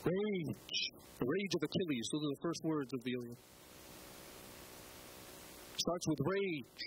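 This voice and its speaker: A man giving an animated spoken-word talk at an open mic, with dramatic pauses and sudden jumps in pitch for emphasis. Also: a little hiss or hum, rough recording.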